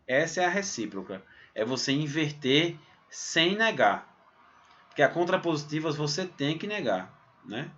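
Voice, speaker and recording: A man from Pernambuco teaching a recorded math lesson, talking it through step by step with a lively delivery and frequent "né?" tags. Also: a little high, measured pace. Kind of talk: recorded exam-prep lesson. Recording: slightly dull, muffled sound.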